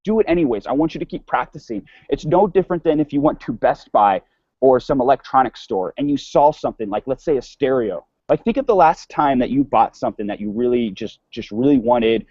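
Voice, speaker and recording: A man's voice: mid-range voice, animated, fairly quick, mellow, no room sound, dull audio. A man giving an online sales course lecture in a casual way, often repeating words and restarting sentences. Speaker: sales instructor.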